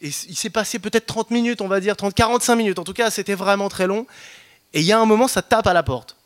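A man in his thirties from France telling a personal anecdote to an audience, lively and self-mocking, with frequent restarts and slang. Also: high-pitched, fast talker. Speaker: storyteller.

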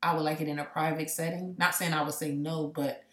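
Podcast co-host, woman, late twenties, deep voice, frank and thoughtful, roomy echo. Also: little pitch movement, fairly quick, fairly bright tone. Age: late 20s. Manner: candid, reflective, jokey. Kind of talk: casual chat.

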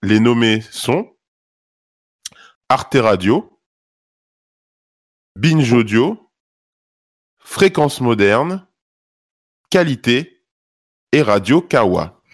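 A man's voice: medium pitch, very animated, extremely slow, long pauses. A man presenting an award with a prepared humorous speech and casual asides.

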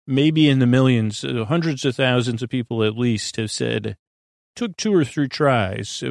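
The host of a bedtime story podcast speaks in a creaky, medium-pitched voice, delivering a soothing, meandering monologue meant to lull listeners to sleep. He halts, trails off into tangents, and repeats himself, recorded at studio quality with no room sound.

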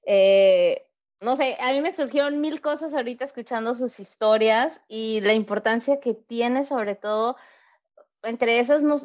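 Upbeat woman host, fairly high voice, sound a bit dull. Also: darkish tone. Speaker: podcast host. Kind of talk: introducing a guest.

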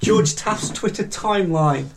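A man hosting a football fan podcast, reading out viewer comments in a casual, halting way with many ums and restarts. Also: on the high side, vocal fry, slight background noise.

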